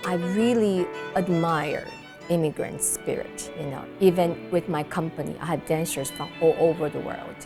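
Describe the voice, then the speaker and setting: With music in the background, a middle-aged woman from Taiwan who works as a choreographer and dancer responds thoughtfully in an interview. Her voice is on the low side and moderately paced, and she frequently uses fillers and starts over.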